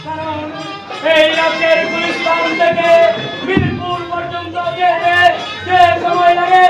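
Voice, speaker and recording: A man's voice: very high voice, monotone, a little slow, lo-fi sound, over a noisy crowd. A young man with a Bangladeshi accent playing a pompous, anguished nawab in hammy, declamatory folk theatre style. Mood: grand lament. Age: young adult. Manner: hammy, declamatory stage actor with repeated cries. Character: pompous, anguished male nawab lamenting his kingdom. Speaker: student stage actor. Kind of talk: jatra folk theatre acting. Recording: echoey stage, distant mic, music, noisy audience.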